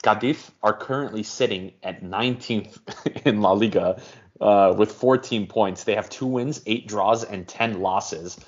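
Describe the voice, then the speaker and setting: A man co-hosting a casual football podcast, explaining at length in a measured way with frequent ums. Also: fairly low pitch. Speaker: podcast co-host. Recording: dull lo-fi audio.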